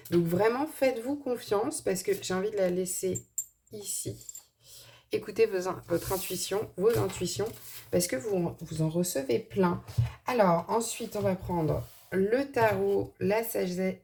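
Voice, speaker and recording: Reading tarot and angel cards informally, a woman with a mid-range, dark voice hesitantly thinks aloud. She has a slight lisp on her s sounds.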